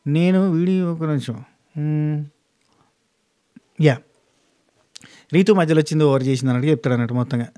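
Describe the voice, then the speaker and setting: A man, casually recapping a reality show in an animated monologue with quick restarts. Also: a little high. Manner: rapid, animated retelling with frequent restarts.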